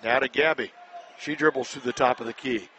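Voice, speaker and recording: A man announcing a live high school basketball game play-by-play, brisk and climbing higher and louder when a play breaks open. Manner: brisk, rising sharply in pitch and volume on big plays. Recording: broadcast with loud crowd noise.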